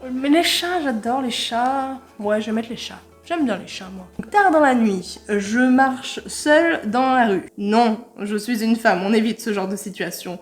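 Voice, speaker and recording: A woman's voice: fairly high pitch, unhurried, hardly any pauses, soft background music. A woman vlogger chatting casually and jokingly as she takes an online quiz, laughing often and reading English words aloud with a loose accent. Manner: playful, jokey, laughs often. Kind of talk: casual commentary while taking an online quiz.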